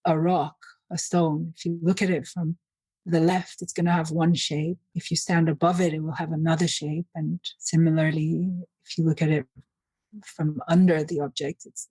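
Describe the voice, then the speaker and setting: Low, mellow woman guest author. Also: slightly rough, no room sound. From Finland, raised in Nigeria. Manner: thoughtful, measured, with some restarts. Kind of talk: reflective interview talk.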